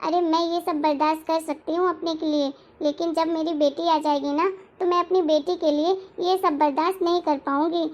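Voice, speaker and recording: A woman voicing a gentle, reassuring young mother-to-be in an animated family story. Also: very high voice, normal speed, hardly any pauses. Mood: tender. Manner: soft, reassuring. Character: gentle expectant young aunt, hopeful for a daughter.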